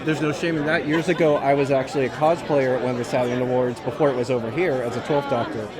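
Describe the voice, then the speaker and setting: Male red carpet interviewer, quick and courteous, mid pitch, dense crowd noise around him. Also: steady tone. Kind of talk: casual interview. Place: awards red carpet, public venue. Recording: loud crowd in public space.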